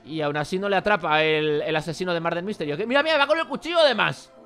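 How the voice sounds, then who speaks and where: A young man with a Spain Spanish accent talks through casual reaction commentary. His voice is bright and swings widely in pitch. He jumps from loud exclamations to low muttered asides, with faint music underneath. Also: expressive, quick pace. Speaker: YouTuber reacting to videos.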